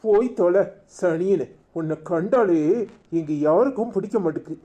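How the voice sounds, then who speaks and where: A woman's voice: lowish voice, normal speed, mellow, close to an everyday voice. A woman voicing a harsh father in a cartoon, blunt and scolding, with a Tirunelveli Tamil accent. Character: gruff, harsh father and husband.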